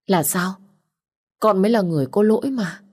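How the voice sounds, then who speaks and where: A woman's voice: medium pitch, moderate pace, darkish tone, pitched above the performer's own voice, natural voice. A woman voicing an anxious young son who speaks in a pleading, emotional way in an audiobook. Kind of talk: audiobook character reading.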